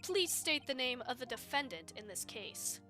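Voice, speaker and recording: A woman's voice: high-pitched, sing-song, bright, forceful tone, faint music behind, heavily acted. A woman reading a stern old judge. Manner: formal, measured. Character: stern older male judge.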